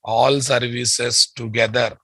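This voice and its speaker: A male software instructor speaks English with a Telugu Indian accent in a bright, forceful voice. He lectures at a slow pace, repeating phrases as if dictating notes and often putting questions to his listeners. The sound is close and dry. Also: mid-range voice, level tone, husky, dry recording, poor audio.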